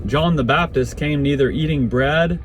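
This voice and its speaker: A man's voice: fairly high pitch, moderate pace. A man reciting a scripture narrative by rote from memory, correcting himself as he goes. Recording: loud outdoor vehicle and city noise.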